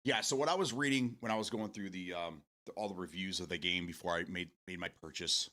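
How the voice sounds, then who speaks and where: A man's voice: low voice, fast talker, bright, forceful tone. A man in his forties hosting a casual morning stream, rambling, repeating words and swearing casually as he answers viewer comments. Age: 40s.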